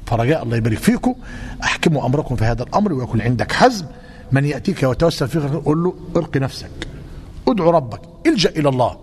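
A man's voice: mid-range voice, very animated, racing, darkish tone. A man with an Egyptian Arabic accent teaching a religious lesson and answering questions, emphatic and repeating key points. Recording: reverberant hall, faint noise.

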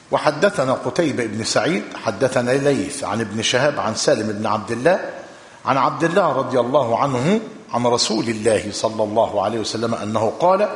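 A man with an Egyptian accent teaching a hadith lesson, reading texts aloud in a measured way and explaining them with colloquial asides. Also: medium pitch. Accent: Egyptian Arabic. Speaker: religious teacher. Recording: echoey hall with long reverb.

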